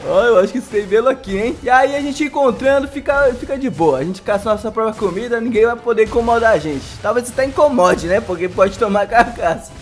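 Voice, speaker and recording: Excitable high-voiced Brazilian gamer man. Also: brisk, few pauses, soft background music. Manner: excitable, laughing, talks to viewers as "mano". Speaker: gaming YouTuber. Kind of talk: casual gameplay commentary.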